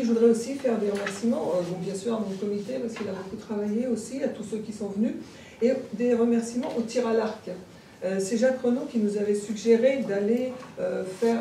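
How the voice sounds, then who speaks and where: A woman's voice: medium pitch, warm tone, slight background noise. A woman reporting to a town council meeting as a twinning committee member, speaking hesitantly with many fillers. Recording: echoey room heard from a distance.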